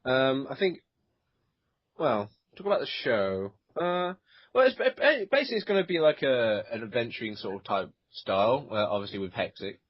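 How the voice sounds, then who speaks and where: A man's voice: mid-range voice, very animated, normal speed, no echo. A man co-hosting a gaming podcast, talking casually with many fillers and restarts. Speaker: podcast co-host. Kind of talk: casual chat. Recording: dull lo-fi voice recording.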